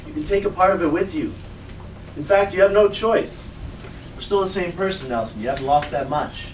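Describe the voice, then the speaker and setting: A man playing a calm, dry-humoured young man who gives advice as the hero's other self, acted live on stage. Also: fairly high pitch, brisk, natural voice. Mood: gentle. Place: small theatre stage. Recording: distant echoey stage recording, faint noise.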